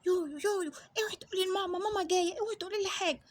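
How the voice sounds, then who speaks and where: A woman putting on a spoiled little girl from a family story skit, snapping back in a very high, squeaky Egyptian-accented voice. The retorts are dismissive and sassy and come at a rapid clip. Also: bright, forceful tone. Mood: pleading. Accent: Egyptian Arabic. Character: spoiled, mocking little girl who bullies a classmate.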